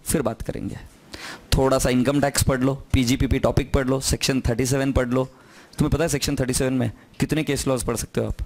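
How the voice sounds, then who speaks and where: A man teaching accounting to a class, firm and teasing, switching between Hindi and English. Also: mid-range voice. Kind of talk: recorded classroom lecture.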